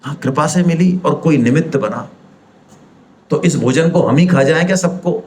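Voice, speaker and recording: A man's voice: fairly high pitch, normal speed. A man speaking at a devotional seminar, talking in a colloquial and persuasive way, firing rhetorical questions and addressing the audience directly. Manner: animated, rhetorical questions, acts out quoted voices.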